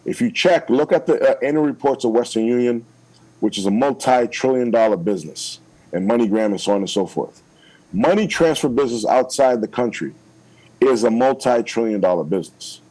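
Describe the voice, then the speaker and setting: A man's voice: on the low side, mellow, poor audio. A man, a political candidate, making his case in a radio interview, emphatic and persuasive, checking in with "okay?" again and again.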